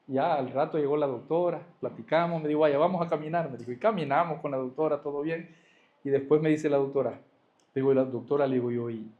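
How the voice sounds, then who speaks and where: A man shares his testimony in a church hall, voicing both people in a conversation as he recounts his story. His voice is mid-range, and the audio sounds phone-quality with the hall's echo.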